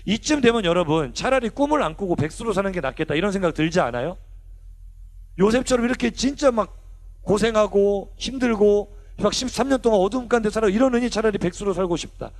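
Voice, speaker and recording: A young man, a youth pastor, preaching a lively sermon to teenagers in a church hall, asking them questions and acting out quotes. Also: high voice, fast talker. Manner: animated, asks the kids questions and acts out quotes.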